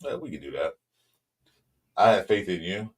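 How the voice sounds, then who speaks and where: Deep-voiced laid-back Southern California podcast host. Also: male voice, animated, normal speed, background noise. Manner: loose, rambling delivery with many ums, greets viewers mid-talk. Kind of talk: casual sports podcast chat.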